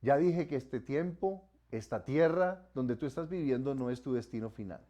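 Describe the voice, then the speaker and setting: A Colombian pastor preaches a sermon at normal speed, his voice rising on commands and dropping low and soft on solemn warnings.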